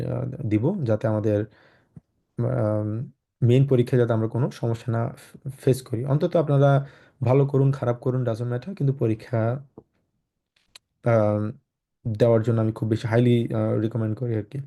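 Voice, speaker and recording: Mellow-voiced man teaching. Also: mid-range voice. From Bangladesh. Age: 20s. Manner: slow, clearly spaced model sentences; loose, halting delivery with many fillers. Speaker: German language teacher. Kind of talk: online lecture to students.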